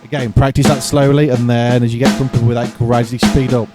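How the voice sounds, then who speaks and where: A man giving a casual drum lesson, chatty and relaxed, correcting himself and counting beats aloud, with drums played between his explanations. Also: medium pitch, fast talker, over loud music. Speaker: drum teacher. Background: drumming between explanations.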